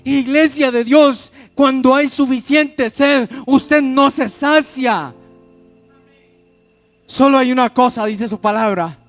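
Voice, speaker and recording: Slow high-pitched preacher guy, faint music playing under him. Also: fairly bright tone. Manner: addresses the congregation as "iglesia", asks questions to the crowd. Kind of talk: pentecostal sermon. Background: instrumental music.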